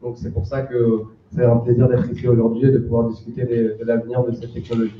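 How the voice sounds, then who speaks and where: Male producer, flat intonation, unscripted panel intro; echoey room recording. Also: mid-range voice, quick pace. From south of France. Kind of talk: informal self-introduction on stage. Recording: echoey, distant, dull, faintly noisy.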